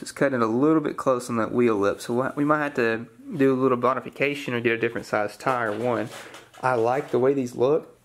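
A young man talks through a classic car restoration in his home garage. He explains each step in a relaxed, matter-of-fact way and throws in the odd corny joke. His voice sits at an ordinary middle pitch. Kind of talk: hands-on how-to narration.

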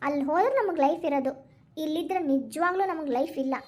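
A woman plays a manipulative young wife in a Kannada cartoon who pleads sweetly to her husband and plots in hushed asides. Her voice sits very high, and she speaks with a North Karnataka Kannada accent. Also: quick pace, close to an everyday voice. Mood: pleading. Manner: pleading, then plotting in low asides. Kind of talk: cartoon voice acting.

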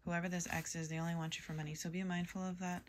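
A woman giving a tarot reading to a general audience, in a calm, even delivery with soft whispered asides. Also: on the low side, fast, background noise. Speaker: tarot reader.

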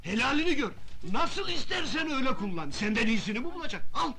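High-pitched wheedling older village headman. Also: very animated, a crowd in the background, full character voice. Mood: wheedling, pleading. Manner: wheedling, insistent, rapid appeals. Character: pushy, fawning village headman, an older father. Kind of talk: comedic film dialogue.

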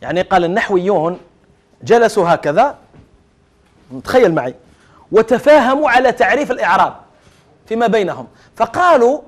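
A middle-aged man with an Algerian accent teaches Arabic grammar in a classroom full of students. His voice sits high and moves across a very wide, animated range. He slides between formal Arabic and dialect and keeps questioning the class before he answers himself. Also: fairly quick, long pauses. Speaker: Arabic language lecturer. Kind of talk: classroom lecture.

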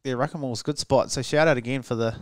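A man's voice: medium pitch, racing, no room sound, studio quality. A man with a New Zealand accent, co-hosting a podcast in an easygoing, rambling way. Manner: laid-back, rambling storyteller. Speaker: podcast co-host. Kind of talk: casual chat.

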